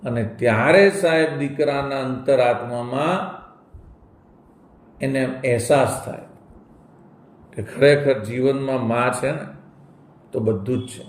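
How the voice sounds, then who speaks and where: A man's voice: mid-range voice, slow, long pauses. Impassioned man, echoey room. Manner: storytelling, acting out a mother's gentle replies; addresses listeners as "saheb" and urges them directly. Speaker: moral speaker. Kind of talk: emotional moral talk to an audience.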